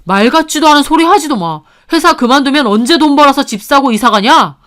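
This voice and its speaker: A woman's voice: sits high, lively intonation, brisk, fairly bright tone. A woman voicing a scornful, bossy husband in an audio story drama, talking down and scolding in a sneering manner. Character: scornful bossy husband, man in his 30s.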